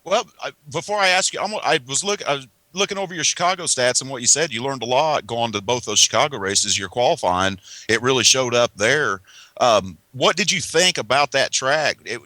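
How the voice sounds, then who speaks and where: A man's voice: medium pitch, sharp tone, no room sound, low-quality recording. A man co-hosting a motorsport radio show, laid-back and joking, often tossing in "man". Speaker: radio co-host. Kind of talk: casual motorsport radio talk.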